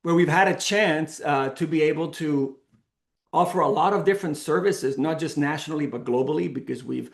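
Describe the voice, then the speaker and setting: This middle-aged founder, from the Canary Islands in Spain, restarts often and uses many fillers while casually presenting his story over a video call. The echoey room catches his creaky, rather high voice, which runs a little fast.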